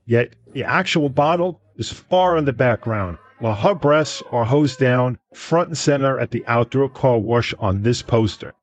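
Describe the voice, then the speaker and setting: A man voicing his drunk business partner, who rants loudly and theatrically like a preacher at a bar. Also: medium pitch, lively intonation, a little slow, few pauses, pitched above the performer's own voice. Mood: ranting. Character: drunk, boastful male business partner ranting. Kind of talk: audiobook character voice.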